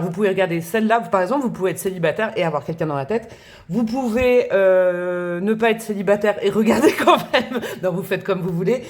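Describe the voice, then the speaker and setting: A woman's voice: medium pitch, darkish tone. Woman tarot host, casual and rambling, self-mocking; everyday speaking voice. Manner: chatty and rambling, laughs at herself. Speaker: tarot reader and channel host. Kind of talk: casual tarot reading to camera.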